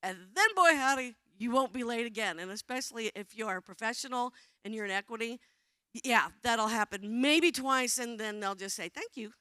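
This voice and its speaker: A woman's voice: a little high, normal speed, sharp tone, smooth, dry recording, clean studio sound. A woman in her sixties giving a comic, self-mocking motivational talk on a conference stage, coaching the crowd. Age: 60s. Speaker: theater director giving a talk. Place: conference stage before an audience.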